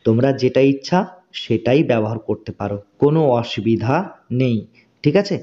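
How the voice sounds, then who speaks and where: A man teaching spoken English in a slow, patient way. He repeats each word and often checks that the learner has understood. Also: medium pitch, mellow, dull audio.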